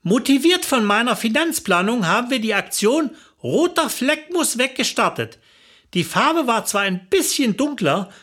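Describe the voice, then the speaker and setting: A woman's voice: a little high, fairly bright tone. A woman narrating a comic personal story in a chatty, wry manner.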